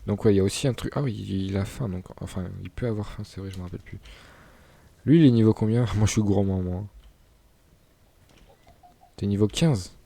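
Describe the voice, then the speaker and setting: Young gamer guy, lowish mellow voice, relaxed chatty commentary with laughs. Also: brisk, vocal fry, pauses often, no room sound. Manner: chatty, laughs and stumbles over words. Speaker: gaming YouTuber. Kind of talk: casual gameplay commentary.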